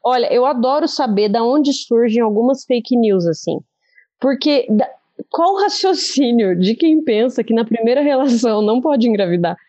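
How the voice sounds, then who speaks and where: A woman hosting a casual interview, playful and quick to laugh. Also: fairly high pitch, lively intonation, mellow. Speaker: host. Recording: dull lo-fi dry sound.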